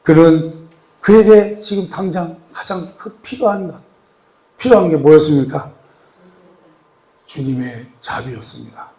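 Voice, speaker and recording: A male pastor with a notably high voice delivers a sermon. He asks his listeners questions and repeats key words for weight. He rises to emphatic lines, then drops to a soft, pleading hush. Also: normal speed. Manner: addresses the congregation with rhetorical questions and repetition; swings between raised emphatic lines and soft, hushed pleading.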